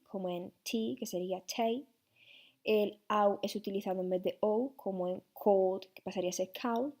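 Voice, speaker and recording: Spanish girl in her twenties reading a class presentation, warm soft tone, lots of "eh". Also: mid-range voice. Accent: Spanish (Spain). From Spain. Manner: slow careful reading with frequent "eh" fillers. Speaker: student teacher.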